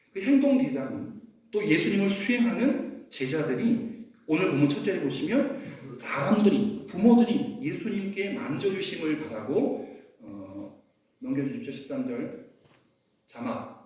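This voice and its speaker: A man's voice: on the high side, sing-song, normal speed, darkish tone. A male pastor preaching a sermon, emphatic, often putting questions to the congregation. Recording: echoey church hall, mic far off.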